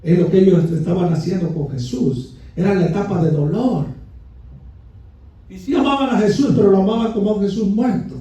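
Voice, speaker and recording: A high-voiced pastor preaches with fervor, his tone dark and mellow, and he keeps calling out to his brothers in the pews. The sound is very echoey, picked up from well back in a church sanctuary. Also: a little fast, far from the mic. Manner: fervent preaching, often calling listeners brother. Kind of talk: Pentecostal sermon.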